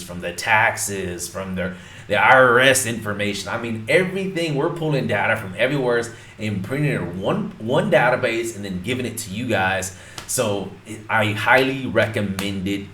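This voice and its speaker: A man's voice: fairly low pitch, fairly bright tone. A man coaching viewers in a casual instructional video, talking emphatically and repeating his points straight at the audience. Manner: emphatic, repetitive, addresses viewers directly. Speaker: real estate coach. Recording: roomy echo.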